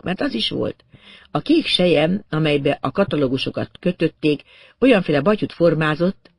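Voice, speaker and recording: Husky, expressive male storyteller. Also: a little high, no room sound. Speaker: narrator. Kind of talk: audiobook reading of a crime novel.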